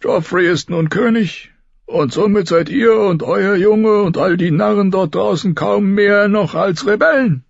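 A man voicing a scheming, spiteful old lord in an audiobook, with a shrill, gravelly cackle and a sneering, taunting manner. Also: a little slow, no echo, highs cut off, heavily acted. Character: scheming ancient male lord, spiteful and mocking. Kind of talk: audiobook character voice.

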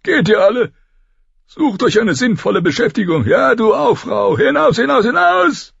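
A cackling, gravelly old lord, high and shrill with a wildly swooping pitch. He sneers and taunts in every phrase, spiteful and boastful. The storybook read sounds dry and a little dull. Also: big pitch swings, normal speed, fairly bright tone, no echo, heavily acted. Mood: peevish, shouting. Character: scheming ancient male lord, spiteful and mocking. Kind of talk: audiobook character voice.

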